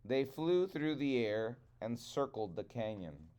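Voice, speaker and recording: Male storyteller for trickster tale: unhurried, resonant, deliberate dramatic phrasing. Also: mid-range voice, big pitch swings, warm tone.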